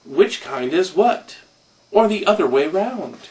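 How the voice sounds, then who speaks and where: A man's voice: high-pitched, sing-song, measured pace, a little mellow, far from the mic, heavily acted, poor audio. A man reading aloud and voicing snooty storybook creatures who groan and fret, a little off-mic. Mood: snooty dismay. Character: snooty star-bellied creatures, fretting.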